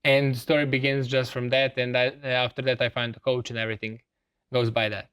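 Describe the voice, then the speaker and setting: A young man from Serbia answers a host's questions in English with a Serbian accent, in a smooth, clear voice. He talks earnestly and pauses often to find his words, sitting as a guest in a television studio. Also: mid-range voice, little pitch movement, a bit bright. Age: young adult. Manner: earnest, with many hesitations. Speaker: student athlete guest. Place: TV studio set.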